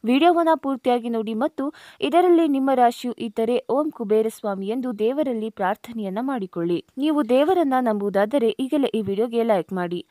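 A woman, reading a scripted astrology forecast and speaking directly to viewers in a steady read-aloud way. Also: a little high, quick pace, no echo, studio quality. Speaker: astrology channel narrator. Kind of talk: scripted narration.

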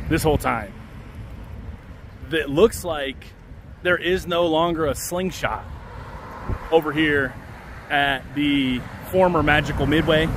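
Guy in his 30s walking a city street and chatting to camera, slightly high voice, faint traffic hum behind. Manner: relaxed, musing aloud, points things out as he walks. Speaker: vlogger giving a walking tour. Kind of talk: casual walking-tour narration. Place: outdoors along a busy city street. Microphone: handheld camera mic with a front selfie view.

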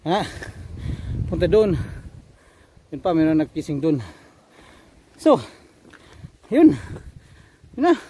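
A man's voice: a little high, sing-song, slow pace, pauses often, warm tone, slightly rough. A man vlogging casually on a rocky seashore, panting and effortful as he climbs, recorded on a handheld camera. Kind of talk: casual vlog narration.

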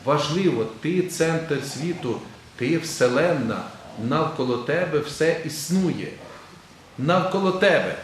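A male Orthodox bishop preaches in a fairly high voice, chatting and firing questions at his flock. His words ring through a very reverberant church, with faint ambient noise underneath. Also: animated, slow pace. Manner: conversational preaching, quizzing the congregation. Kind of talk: sermon. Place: large church.

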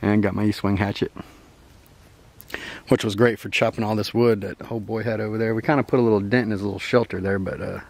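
A man's voice: lowish voice, fairly even intonation, a little fast, gravelly, a little mellow. A young man giving a rambling, easygoing tour of his riverside campsite, chuckling often, recorded on a handheld camera outdoors. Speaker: camping vlogger. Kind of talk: casual outdoor camp tour. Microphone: handheld camera mic. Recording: faint outdoor noise.

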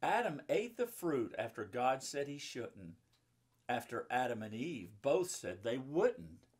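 This pastor and children's book author, a man in his 50s, reads a children's story and explains it plainly for young listeners, with chatty asides. His mid-range voice is husky, a little slow, and full of big pitch swings. He's in a book-lined room, either at home or in an office.

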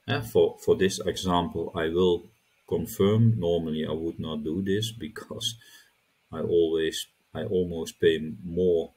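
A middle-aged man hosting a crypto channel, walking through a screen-recorded tutorial and often halting to repeat words as he clicks through the steps. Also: low voice, steady tone, darkish tone, breathy edge.

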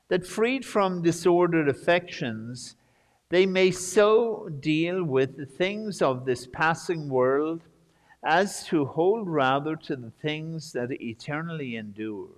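A man leads the Mass in an unhurried, even intoning, his voice pitched a touch high. Every phrase carries into a long cathedral echo that hangs in the large church. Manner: slow, measured intoning. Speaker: priest. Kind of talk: liturgical prayer at Mass.

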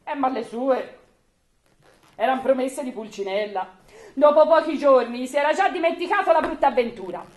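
Animated woman telling a tale. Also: high voice, moderate pace. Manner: animated, expressive, laughing asides. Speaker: storyteller. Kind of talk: live reading of a folk tale. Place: public evening event. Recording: echoey room.

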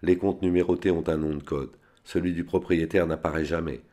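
A frail, cornered young bank clerk from a spy novel read aloud, as a man reads his lines. The voice stays very low and pleading. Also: steady tone, brisk, mellow, close to an everyday voice. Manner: pleading, shrill outbursts.

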